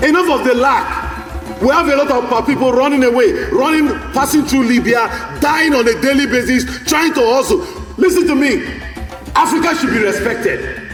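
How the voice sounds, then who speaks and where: A man's voice: very high voice, a bit bright. A man giving a rousing speech to a live audience at a forum, repeating lines and calling out to the crowd. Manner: exhorting, repetitive, calls out to the crowd. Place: large hall at a live forum. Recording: echoey hall, voice from a distance.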